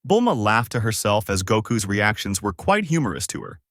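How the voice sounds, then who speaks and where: A man narrating a fan-made story in a steady storytelling read with lively pitch movement. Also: fairly quick, no echo, studio quality.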